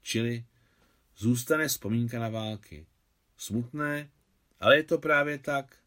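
A man calmly reading a novel aloud as an audiobook narrator. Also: mid-range voice. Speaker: audiobook reader.

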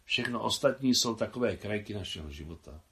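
A man reading as a calm, worldly army doctor. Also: on the low side, gravelly. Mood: reflective. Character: worldly male army doctor, calm, philosophical, good-humoured. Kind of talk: audiobook character reading.

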